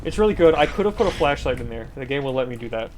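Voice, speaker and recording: Excitable streamer in casual gaming chat. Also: mid-range voice, racing, a crowd in the background. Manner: excitable, playful, bursts into shouting. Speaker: streamer playing a co-op game.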